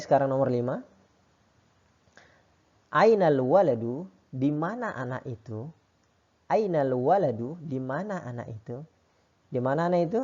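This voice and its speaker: A man teaching a lesson, reading each phrase slowly and then explaining it quickly. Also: mid-range voice. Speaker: Arabic teacher. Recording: dull lo-fi sound.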